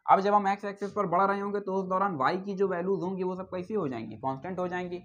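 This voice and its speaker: A man teaching maths in a classroom lecture, his voice sitting a little high. He keeps checking whether the students follow, repeats key terms, and dictates definitions slowly. The recording sounds dull and lo-fi. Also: fairly bright tone. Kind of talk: classroom lecture on real analysis.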